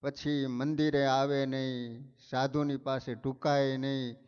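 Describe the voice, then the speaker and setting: A male preacher tells a sermon story in an animated way, leaning hard on key words. His voice is smooth and clear, fairly high, and he speaks very slowly. The sound is dull and lo-fi, with a long reverb from a large hall. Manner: animated storytelling, dramatic emphasis.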